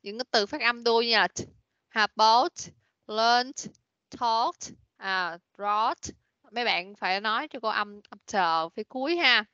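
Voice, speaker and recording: Bright-voiced woman teaching an online English class. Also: a little high, unhurried, no echo, dull audio. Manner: patient, prompting, mixes English words into explanations. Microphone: computer mic on a video call.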